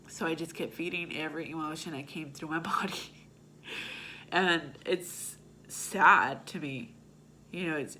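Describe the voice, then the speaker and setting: A woman's voice: sits low, sharp tone, slight background noise. A young woman vlogging candidly about her personal struggles, raw, emotional and blunt, with frequent swearing.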